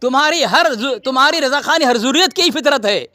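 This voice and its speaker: Very high, sharp-toned commanding man. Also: animated, a little fast, no room sound, studio quality. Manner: commanding, demands silence, mocking. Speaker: debater. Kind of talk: heated religious debate addressing listeners.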